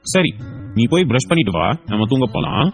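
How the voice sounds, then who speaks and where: Gentle older grandfather, coaxing and fond, read by a man. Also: mid-range voice, big pitch swings, fairly quick. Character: kindly grandfather, proud and gentle.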